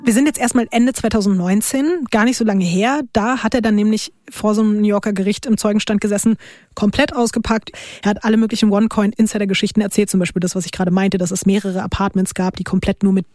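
A woman's voice: mid-range voice, steady tone, fast talker, warm tone, no room sound, clean studio sound. A young woman hosting a podcast, telling a true crime story in casual, colloquial chat and laughing often.

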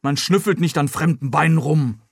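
A man's voice: fairly high pitch, normal speed, gravelly, slightly rough, no room sound, clean studio sound. A man voicing a young, friendly, helpful man with a dog in a read-aloud novel, cheerful and joking.

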